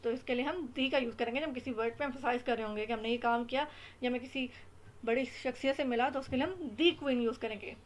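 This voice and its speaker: A young adult woman teaching English grammar, explaining slowly and repeating English example phrases with careful stress. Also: high voice. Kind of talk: explaining grammar in a mix of Hindi-Urdu and English.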